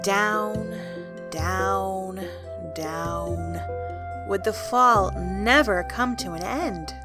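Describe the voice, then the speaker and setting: A woman's voice: mid-range voice, extremely slow. A woman giving scripted storybook narration as the narrator of an audio drama. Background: music.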